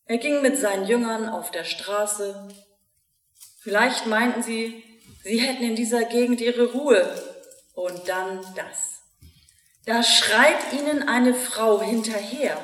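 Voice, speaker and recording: Female pastor, higher voice, measured sermon delivery, distant mic, echoey church. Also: fairly bright tone. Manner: slow, measured preaching with rhetorical questions.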